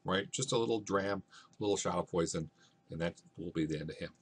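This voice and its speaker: A man's voice: low voice, fairly quick, husky. A man teaching a literature lesson in a casual, conversational way, often checking in with "right?".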